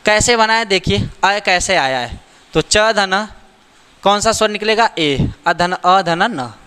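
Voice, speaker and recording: A man's voice: sits high, measured pace, sharp tone, clear, resonant tone, big-room sound. A man teaching a grammar lesson, repeating the rules and asking rhetorical questions to check that students follow. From India.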